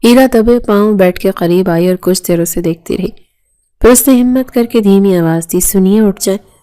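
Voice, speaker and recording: A woman narrating a romance novel aloud in a steady, even reading. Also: medium pitch, clear, resonant tone.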